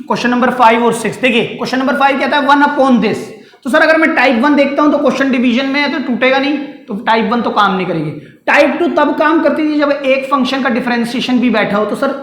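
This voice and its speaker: Explaining maths step by step at a classroom board, a man speaks in a very high, somewhat bright voice. He poses questions to the students, answers them on his own, and calls them "beta" and "sir"; the recording has an echoey room.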